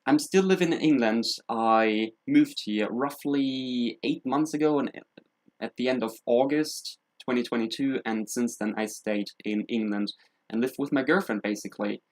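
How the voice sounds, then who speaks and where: A man's voice: medium pitch, moderate pace. A young man from Germany, chatting casually and rambling on a live stream with self-mocking asides. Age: 20s. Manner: self-mocking, rambling, thinking aloud while setting up. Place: home room in England.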